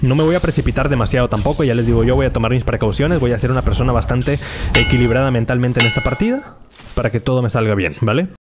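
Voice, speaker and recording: A man with a Mexican accent giving excitable live gameplay commentary to his chat, repeating words in bursts. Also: medium pitch, fast talker, heavy background noise. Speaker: gaming streamer.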